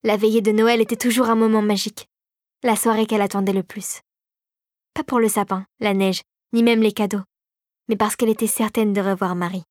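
A woman narrating a Christmas fairy tale audiobook in a calm, measured storytelling voice. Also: mid-range voice, dry recording, clean studio sound.

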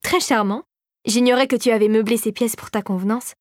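A woman voicing a gentle older male inventor and mentor in an audiobook, softly and often in a murmur. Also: a little high, fairly even intonation, fairly quick, no room sound, studio quality, close to an everyday voice. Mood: surprised. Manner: softer and hushed, often murmured. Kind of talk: audiobook character voice.

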